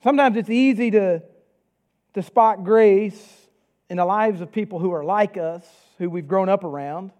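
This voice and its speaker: Speaking with a Southern US accent, this man delivers a sermon with earnest, measured scripture reading and prayer. His voice sits high with a slightly mellow quality.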